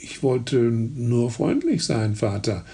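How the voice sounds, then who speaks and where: A man voicing a shy young peasant son with a raspy voice, answering slowly and meekly. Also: medium pitch, lively intonation, warm tone, exaggerated voice. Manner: slow, meek defending.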